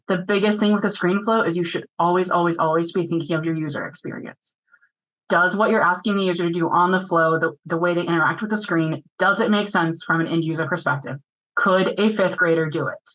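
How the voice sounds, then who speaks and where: A woman giving a technical presentation at a user group meeting, talking fast in a chatty way with filler words. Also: lowish voice, a bit bright, dull audio.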